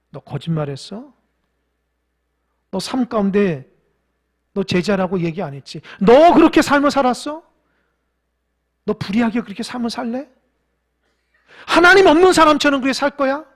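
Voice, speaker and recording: A male preacher voicing Jesus as a gentle, forgiving man who speaks softly, often close to a whisper, within a sermon. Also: very high voice, expressive, normal speed, long pauses, full character voice. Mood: stern. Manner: hushed, tender, often near a whisper.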